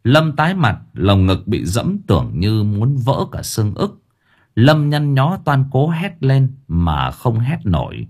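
A man narrating a scripted audiobook story in an expressive storytelling manner. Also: medium pitch, slow, slightly rough.

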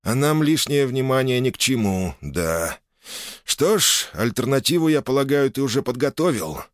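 A man voices a stern older boyar who heads his clan, sounding commanding and menacing. His medium-pitched, close-to-everyday voice is raised a bit above his natural register, swinging widely in pitch at normal speed in a clean studio recording with no room sound.

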